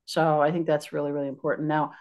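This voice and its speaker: A middle-aged woman hosting a podcast, asking a guest a thoughtful, halting question over a video call from her home office. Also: low voice, level tone, darkish tone. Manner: thoughtful, halting, restarts phrases. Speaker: podcast host. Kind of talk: interview question.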